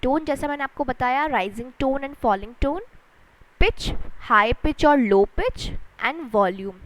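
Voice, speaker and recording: A woman with an Indian accent, an English lecturer giving a recorded lesson, explaining slowly and mixing Hindi with English. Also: high-pitched, a little mellow, low-quality recording.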